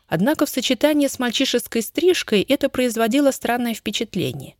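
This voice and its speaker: A woman narrating a children's story in an even, lively reading voice, recorded dry and close. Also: mid-range voice, dry recording. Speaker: audiobook narrator.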